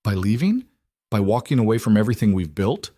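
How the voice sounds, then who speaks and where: A man's voice: fairly low pitch, sing-song, brisk, mellow, dry recording, studio quality. A man voicing a proud, tense wealthy businesswoman in a storybook reading, in a clipped manner. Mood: desperate. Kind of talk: storybook narration.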